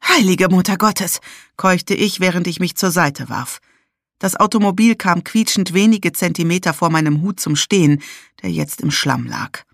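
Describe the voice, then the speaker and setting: A woman reading a first-person audiobook in a lively, steady storytelling manner. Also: fairly low pitch, normal speed, creaky, no room sound, studio quality. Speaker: audiobook narrator.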